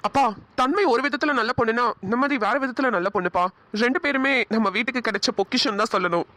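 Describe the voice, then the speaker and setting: A performer voicing a sensible young husband in a cartoon, laying out his reasoning quickly. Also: mid-range voice, pushed and bright, dry recording, close to an everyday voice. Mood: explaining. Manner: quick, explaining. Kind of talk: cartoon voice acting.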